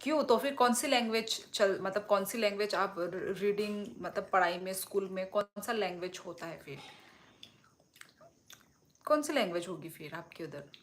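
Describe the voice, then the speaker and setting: A woman's voice: medium pitch, normal speed. Chatty young woman from Tripura livestreaming. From Tripura, northeast India. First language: Kokborok. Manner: chatty and playful, talks while eating. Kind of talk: casual live chat, reading viewer comments. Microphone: phone.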